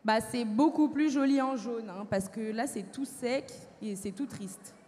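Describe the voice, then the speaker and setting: A woman's voice: on the high side, a little slow, darkish tone, a little hiss or hum, close to an everyday voice. A woman acting a pessimistic, sarcastic young survivor prone to panic, in a live stage sketch. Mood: gloomy. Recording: reverberant hall.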